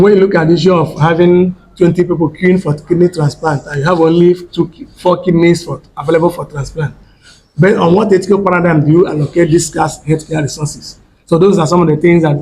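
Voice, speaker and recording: A man with a Nigerian accent speaks in a formal academic register, his voice sitting a little high for a man. He poses rhetorical questions, often stops and restarts words, and a faint hiss of noise runs under the recording. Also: steady tone, fast talker, darkish tone, low-quality recording. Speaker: academic roundtable anchor.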